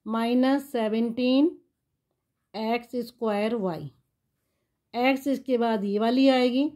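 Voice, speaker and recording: A woman's voice: fairly high pitch, warm tone. A woman maths teacher explaining polynomial division step by step, patiently asking the class questions and answering them herself.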